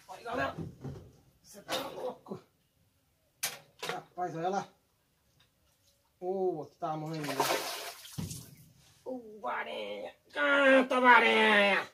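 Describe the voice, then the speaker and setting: A man hosting a fishing vlog, exclaiming loudly and excitedly outdoors by a pond. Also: sits high, background noise. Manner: loud excitable exclamations, cheering at the catch. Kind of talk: excited live fishing commentary.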